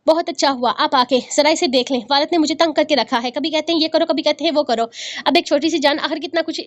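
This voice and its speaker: A woman's voice: high-pitched, close to an everyday voice. A woman voicing a busy young woman complaining about her father, on a dull lo-fi recording. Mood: harried. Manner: complaining, hurried. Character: flustered young woman, busy daughter of the house.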